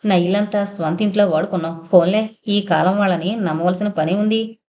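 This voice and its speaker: A woman's voice: mid-range voice, steady tone, a little fast, darkish tone, natural voice. A woman reading the part of an older landlady who complains and reproaches a departing tenant. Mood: reproachful.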